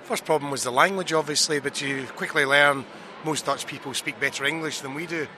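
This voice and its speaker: A man with a bright voice. He answers plainly and in a matter-of-fact way. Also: fairly high pitch, a little fast, slight background noise. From Scotland.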